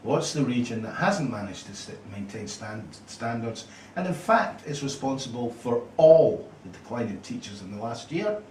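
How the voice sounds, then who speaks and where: An animated man argues his point as a panel guest in casual political talk. The room is roomy and he sits some way from the mic. A faint hiss runs behind him. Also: mid-range voice, moderate pace, hardly any pauses, recorded from a distance. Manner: argumentative, animated.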